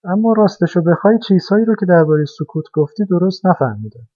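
A man's voice: high voice, warm tone, slightly rough, dry recording, pitched above the performer's own voice. A man voicing a small, timid toy car that whines and insists in a childlike way, as a storybook character. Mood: indignant. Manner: whiny, insistent, easily frightened. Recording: dry, dull lo-fi recording.

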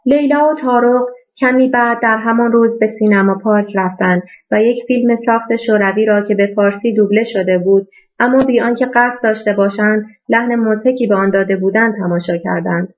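A woman reading a novel aloud as audiobook narrator in a steady storytelling manner, in a tinny phone-like recording. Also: medium pitch.

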